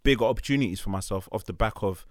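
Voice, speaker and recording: A man's voice: fairly low pitch, fast, dry recording, studio quality. A young man with an urban London roadman accent, co-hosting a podcast with casual, slangy, sweary banter. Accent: London, urban roadman slang style. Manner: slangy, sweary, animated reactions. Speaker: podcast co-host.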